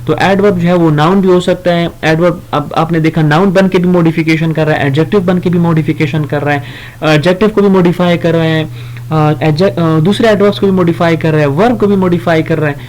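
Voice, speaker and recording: A grammar teacher with a somewhat high voice reads his examples with slow care before discussing them casually. His explanations are relaxed and chatty, with pauses on fillers and frequent self-corrections.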